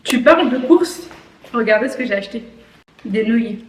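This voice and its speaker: A woman's voice: a little high, lively intonation, moderate pace, roomy sound, far from the mic, faint music behind. A young woman from France with a slight lisp, chatting casually and mocking herself in a vlog. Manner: chatty, self-mocking, mixes in English words. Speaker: vlogger.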